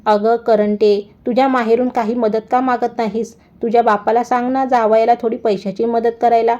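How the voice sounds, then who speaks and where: A woman's voice: steady tone, normal speed, warm tone, close to an everyday voice. A woman voicing a harsh, scolding older mother-in-law who hurls taunts, in a dull lo-fi recording. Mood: scornful. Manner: taunting, shrill insults.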